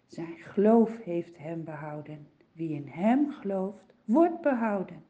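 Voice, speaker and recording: Slow, expressive woman telling a Bible story. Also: lowish voice. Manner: slow, expressive, swooping delivery. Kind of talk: storytelling for children. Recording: dull lo-fi recording.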